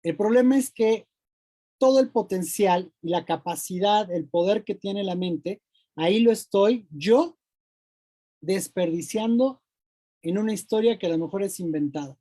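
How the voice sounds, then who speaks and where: A Mexican man giving a lively, colloquial motivational talk, acting out voices of the mind and a friend. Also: high voice, a little slow. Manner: animated, colloquial, acts out inner voices. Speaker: speaker.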